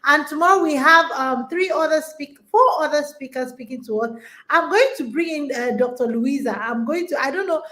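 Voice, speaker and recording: A woman in her forties speaks at normal speed in a high, sharp-toned voice while hosting a conference and coaching women. Her online motivational talk urges listeners on emphatically, punctuated by repeated rallying phrases.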